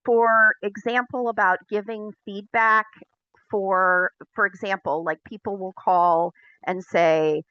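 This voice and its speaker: A woman teaching a class for pet detectives, explaining her consultation methods in a clear, measured way. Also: medium pitch, steady tone, a bit bright, dull audio. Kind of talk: recorded business class lecture.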